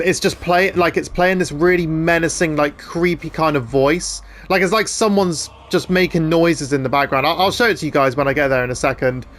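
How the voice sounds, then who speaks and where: Young man in his twenties, gaming YouTuber, excitable chatty commentary, voice sits a bit high. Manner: excitable, chatty, frequent restarts. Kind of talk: gameplay commentary.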